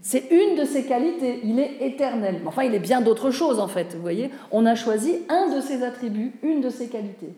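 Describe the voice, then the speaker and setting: A woman lectures to a class in a mellow, warm voice, chatty and engaging, forever checking that her listeners follow and putting questions to them. The sound is roomy, with a clear echo off the walls. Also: a little high, lively intonation, moderate pace, hardly any pauses. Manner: conversational, often asks listeners questions and checks with "vous voyez", "hein". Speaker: Bible teacher. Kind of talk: live lecture with audience questions.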